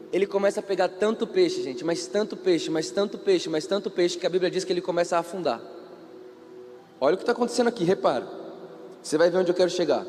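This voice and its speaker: Animated high-voiced Brazilian preacher. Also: male voice, long reverb tail, a little hiss or hum. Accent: Brazilian Portuguese. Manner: animated, acts out quoted characters, asks the audience questions. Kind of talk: sermon.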